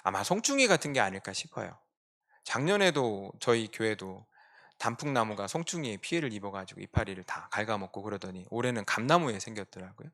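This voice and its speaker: A male pastor delivering a Sunday sermon in church. He swings between quiet, reflective asides and sudden emphatic outbursts. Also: lowish voice, animated, fairly quick.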